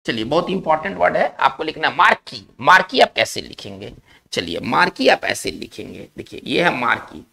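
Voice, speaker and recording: A male teacher giving a spelling lesson, explaining slowly, repeating key words and checking in with his class. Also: fairly high pitch, very animated, creaky, pushed and bright.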